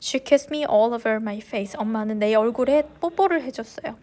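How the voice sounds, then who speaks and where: Female english teacher, reading a novel aloud, slow and clear, translating line by line, slightly high voice. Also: a little mellow.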